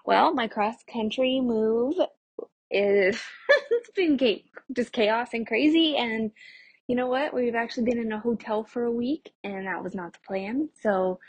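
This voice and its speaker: A young adult woman with a husky voice, hosting a podcast in a casual, chatty way and talking to listeners like friends. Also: fairly high pitch, dull audio. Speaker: podcast host of a nutrition show for mothers. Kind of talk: casual solo podcast talk.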